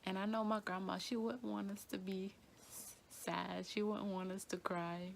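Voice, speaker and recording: A young woman talking in a halting, quiet way, tearful and grieving, often repeating herself. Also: mid-range voice, fairly even intonation, vocal fry, slight background noise. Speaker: vlogger. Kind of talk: emotional personal vlog.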